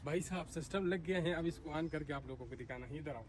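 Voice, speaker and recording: This installer speaks quickly in a fairly high voice, narrating an informal hands-on tutorial as he works and explaining each step, sometimes more than once. Background noise from the installation site is clearly audible.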